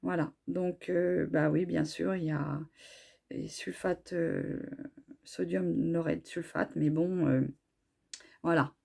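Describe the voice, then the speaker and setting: A middle-aged woman with a hoarse voice from a cold, chatting casually about her hair products with many fillers and restarts. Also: sits low, steady tone, slow, a little mellow. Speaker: beauty vlogger.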